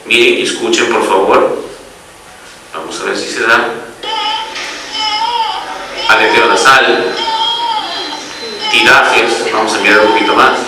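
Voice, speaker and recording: A man's voice: on the low side, fairly even intonation, slow pace, pauses often, heavy reverb, far from the mic, rough recording. A man giving a medical lecture as a pediatric doctor, explaining step by step and often checking that the audience follows.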